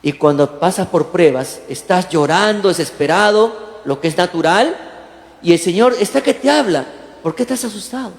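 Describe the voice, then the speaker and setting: A man preaching a lively sermon as pastor, often asking the congregation questions and acting out the quotes he tells. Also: high-pitched, normal speed. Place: church hall. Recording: echoey church hall, long reverb.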